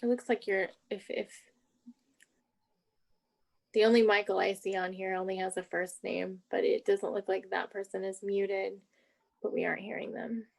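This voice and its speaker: A woman's voice: mid-range voice, steady tone, moderate pace, vocal fry, long pauses, a little mellow. A woman mayor chairing a city commission meeting, speaking politely and procedurally.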